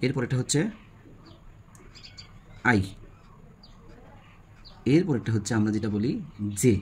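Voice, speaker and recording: A man's voice: medium pitch, expressive, a little slow, a little hiss or hum. A man with a Bangladeshi Bengali accent, teaching a spoken English lesson and checking in with his class. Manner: repeats questions to the class, frequent "হ্যাঁ?" checks.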